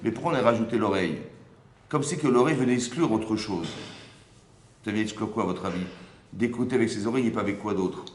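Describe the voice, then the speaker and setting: Talking fast in a fairly low voice, a man teaches a religious class to a small group, asking questions and checking in with his listeners. He often repeats words while searching for how to phrase things, making it an interactive lesson. The space sounds roomy, with faint background ambience.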